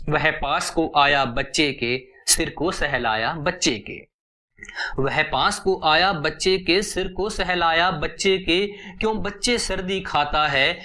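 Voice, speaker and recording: A man reciting a long rhyming poem in a measured, rhythmic way, repeating each couplet twice. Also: a little high, pushed and bright. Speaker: poetry reciter. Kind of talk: slow poetry recitation.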